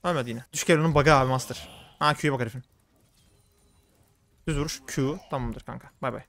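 A young man commenting on his own game as he plays, talking fast and getting worked up. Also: medium pitch, no echo. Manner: rapid, excitable, swings into frustrated outbursts. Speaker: gaming streamer. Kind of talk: live gameplay commentary.

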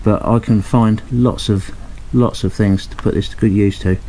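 Warm and fairly low, this man's voice holds a steady tone at a normal speed while he examines an old radio in his cluttered indoor workshop. He's a radio restorer narrating in a relaxed way, thinking aloud with plenty of ums and hesitations. There's slight background noise.

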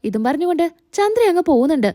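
A woman's voice: high voice, big pitch swings, very fast, warm tone, dry recording, studio quality. A woman retelling a TV serial episode as a storyteller.

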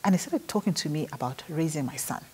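A woman's voice: low-pitched, animated, fast talker, a little mellow, slightly rough. A middle-aged woman with a Zambian accent, recalling a trip in a chatty, anecdotal way and acting out what people said. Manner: chatty storyteller who acts out quoted dialogue. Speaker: interviewee paying tribute. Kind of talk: casual anecdotal recollection.

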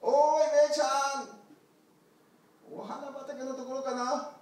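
Man doing a shepherd shouting across an echoey hall. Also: very high voice, flat delivery, unhurried, pitched above the performer's own voice. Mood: calling anxiously. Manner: loud calling and shouting. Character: kind, worried shepherd man calling out loudly. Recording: echoey church hall from far off.

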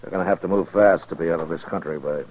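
Very deep-voiced frontier marshal. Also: male voice, steady tone, fast talker, a little mellow, husky. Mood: low, resolute. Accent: American. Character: steady, determined frontier US marshal. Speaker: lead actor and narrator of radio western. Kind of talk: 1950s radio drama acting. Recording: muffled, noisy 1950s radio recording.

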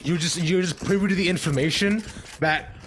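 A man's voice: a little high, brisk. A man casting an esports match in a playful, joking way, often breaking off mid-sentence, over noisy stream audio. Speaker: esports caster. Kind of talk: casual play-by-play commentary.

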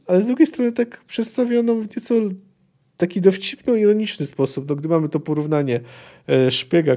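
Dark-toned man reviewing books. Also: high voice. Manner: conversational, with fillers and self-corrections. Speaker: podcast host. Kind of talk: book review podcast with read-aloud quotes.

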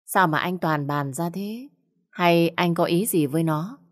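Gruff pushy village woman, a lady reading puts her on, low and scolding. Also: unhurried, close to an everyday voice. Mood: bossy. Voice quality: gruff booming voice. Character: fat fierce older village woman, loud and bossy.

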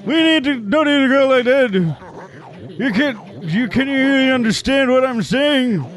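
A man voicing a blunt, boastful old male village elder, speaking slowly in a raised old-man voice while reading game dialogue. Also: extremely high pitch, fairly bright tone, voice pushed up.

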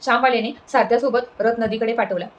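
A woman's voice: on the high side, fast talker, rough recording. Woman reciting a devotional folk tale. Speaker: storyteller.

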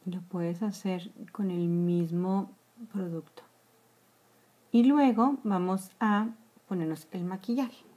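A woman's voice: lowish voice, takes it slowly, warm tone. A woman in her forties with a Mexican accent, chatting through a live makeup tutorial from a small room, talking straight to her viewers. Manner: chatty, addresses viewers as girls, trails into whispers while applying makeup. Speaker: makeup vlogger. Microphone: phone or webcam at close range.

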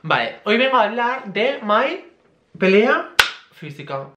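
A man's voice: sits high, big pitch swings, a little slow, muffled recording, very noisy. A young man with a Spain Spanish accent, telling a story in a camp, dramatic way with crude slang. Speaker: vlogger. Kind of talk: casual storytelling. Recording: roomy echo, faint music.

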